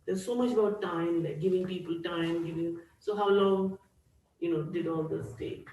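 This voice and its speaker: A woman's voice: lowish voice, moderate pace, dark tone, dull audio. A woman hosting a seminar discussion, asking a rambling, effusive, hedging question. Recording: echoey room, distant mic.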